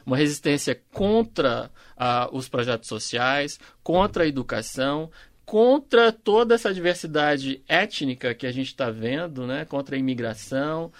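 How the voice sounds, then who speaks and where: A man's voice: medium pitch, expressive, normal speed, no echo, clean studio sound. A man, a panel guest who often stalls and repeats words as he searches for them. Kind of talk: discussion on a panel show.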